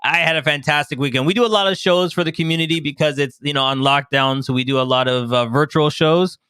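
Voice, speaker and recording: An upbeat man hosts a casual talk show, greeting viewers and guests with enthusiasm and repeating his words. His voice is bright and a little high, and it is recorded dry and close. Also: fairly even intonation, fast talker, smooth, no echo. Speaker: show host.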